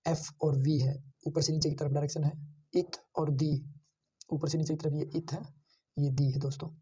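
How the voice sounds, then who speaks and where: Guy explaining shorthand strokes slow and patient, dark husky voice, kinda far from the mic. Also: fairly high pitch, flat delivery. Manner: slow, explanatory, repeats each sound. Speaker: shorthand teacher. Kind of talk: screen-share lesson.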